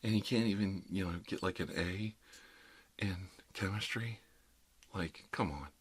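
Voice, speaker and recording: In a husky, low-pitched, unhurried voice, a man plays a dentist for an ASMR roleplay. He rambles wryly and conversationally, steadily reassuring the patient.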